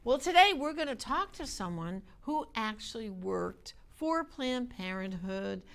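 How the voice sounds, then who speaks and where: A woman's voice: fairly high pitch, creaky, a bit bright. An American woman hosting a program, introducing and questioning in a conversational interview style.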